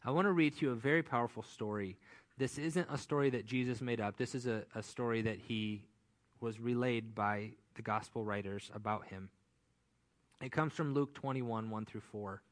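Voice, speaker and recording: A man's voice: medium pitch, moderate pace. Conversational male pastor preaching. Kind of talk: sermon.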